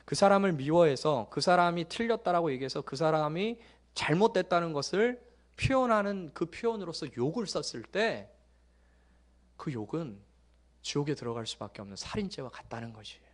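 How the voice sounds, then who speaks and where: A middle-aged male pastor preaching a sermon, telling jokey stories that swing from loud bursts to hushed asides. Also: on the high side, a little fast. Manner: lively, joking storytelling with sudden loud bursts and hushed asides.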